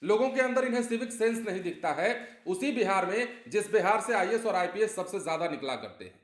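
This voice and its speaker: A man's voice: high voice, lively intonation, brisk. A man presenting a news report with commentary, emphatic and repeating phrases for effect. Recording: roomy echo.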